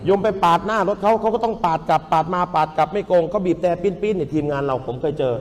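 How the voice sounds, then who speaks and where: A man's voice: high voice, lively intonation, fast talker. A man, a Buddhist monk, gives a humorous sermon to a live audience, telling jokes and leading call-and-response. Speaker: Buddhist monk giving a dharma talk. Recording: long hall reverb.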